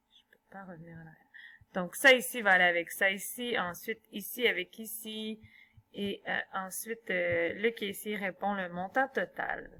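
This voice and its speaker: A woman's voice: mid-range voice, bright, forceful tone. A woman, explaining an online exercise step by step as a teacher and thinking aloud as she goes. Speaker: French teacher. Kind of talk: tutorial walkthrough of an online exercise.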